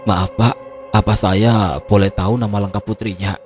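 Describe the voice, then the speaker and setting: Inquisitive young mother, read by a man, low voice, music underneath. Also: steady tone, normal speed, a little mellow, natural voice. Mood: curious. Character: curious young mother, the narrator. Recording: music playing behind.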